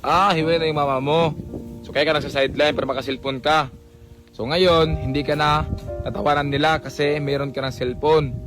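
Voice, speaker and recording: A man's voice: fairly high pitch, steady tone, brisk, over music. A young adult man hosting a casual vlog, coaxing and repeating short phrases again and again. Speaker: vlogger host.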